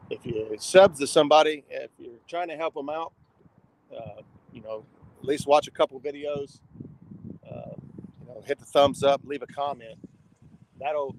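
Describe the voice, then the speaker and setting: A man with a gravelly voice chatting casually and in a folksy way as he hosts an outdoor fishing livestream, sometimes reading comments aloud. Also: mid-range voice, a little mellow. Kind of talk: casual live chat while fishing. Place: outdoors on a riverbank. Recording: noisy outdoor livestream with traffic sounds.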